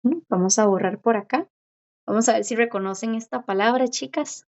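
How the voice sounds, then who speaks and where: Lady teaching korean, patient, slowish, kinda muffled audio. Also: on the high side, darkish tone. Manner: patient, repeats words slowly, checks with "¿verdad?". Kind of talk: online class explanation. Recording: dull lo-fi audio.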